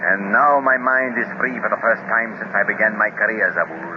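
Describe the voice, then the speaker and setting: A man voices a pompous, menacing master villain who schemes and gloats, speaking slowly and deliberately in this lightly acted 1930s radio serial. His pitch is fairly low, and the old transcription sounds hissy and dull.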